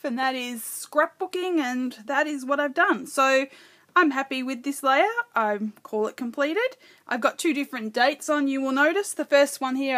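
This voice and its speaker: A woman's voice: sits high, fairly bright tone. A middle-aged woman casually narrating her scrapbooking as she works, thinking aloud and correcting herself as she goes. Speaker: craft video host.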